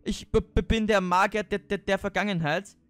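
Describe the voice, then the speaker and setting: A man's voice: high-pitched, fairly even intonation, normal speed, fairly bright tone, clean tone, dry recording, voice pushed up. A man voicing an old male magician from a game who stammers and repeats syllables. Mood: stammering.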